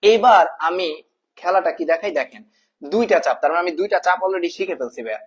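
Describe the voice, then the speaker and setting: A man's voice: sits high, animated, fairly quick. A man teaching a math lesson in a casual spoken way, repeating each term and asking the viewer questions, addressing them as brother. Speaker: math tutor.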